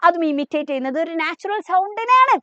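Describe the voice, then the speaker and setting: A woman's voice: very high voice, sing-song, fast talker, sharp tone, no echo, highs cut off. A woman teacher, giving an exam revision lesson, asking questions and answering them herself, mixing in English terms.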